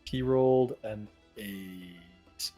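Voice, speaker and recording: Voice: medium pitch, very slow, mellow. A game master with a mid-range voice narrates a tabletop roleplaying scene in a conversational way. Faint music runs underneath.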